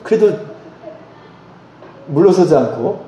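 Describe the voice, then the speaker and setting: A middle-aged man preaching from the pulpit, telling a lively personal story. His voice sits high and dark, and it swings widely in pitch. It rings through a very echoey church hall. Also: slow pace, highs cut off. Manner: animated anecdotal storytelling with laughter. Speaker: pastor. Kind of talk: storytelling sermon. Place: church sanctuary.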